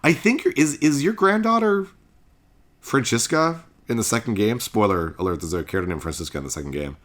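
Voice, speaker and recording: A man's voice: medium pitch, animated, brisk, a bit bright. A man hosting a casual video game playthrough, chatting in a jokey, conversational way. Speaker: video game let's-play host.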